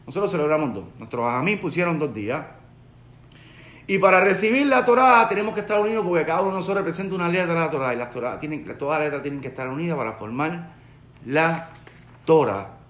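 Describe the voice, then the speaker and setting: A rabbi in his forties from Puerto Rico, speaking with a Puerto Rican Spanish accent, gives an earnest Torah lesson to a webcam in his home study lined with bookshelves, repeating his key points. His voice is a little high, a bit bright, and expressive, and he talks fast. The room has a roomy echo.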